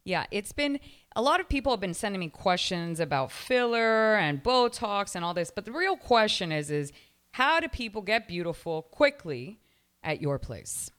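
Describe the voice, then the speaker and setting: A woman in her forties hosting a podcast, chatting effusively with her guests and throwing in quick asides. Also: mid-range voice, very animated, a bit bright. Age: 40s. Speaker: podcast host. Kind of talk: casual interview. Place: Miami.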